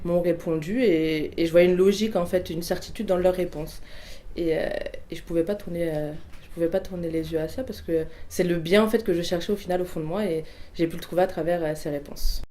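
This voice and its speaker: A woman in her twenties of Portuguese family background gives a personal testimony prompted by questions. Her voice is low-leaning and mellow, brisk with fairly even intonation, and she stumbles through with many fillers and restarts.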